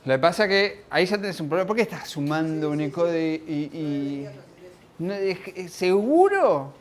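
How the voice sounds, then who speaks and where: A man's voice: fairly high pitch, big pitch swings, normal speed. A man with an Argentine accent giving a technical conference talk, chatty and self-correcting, often checking in with the audience. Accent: Argentine Spanish. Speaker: conference speaker.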